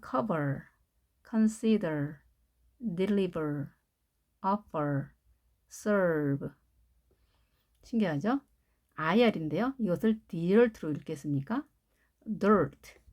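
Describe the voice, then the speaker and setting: A woman's voice: on the low side, a little mellow. A woman with a Korean accent teaching English pronunciation, explaining step by step and repeating each word. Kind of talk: classroom-style pronunciation lesson.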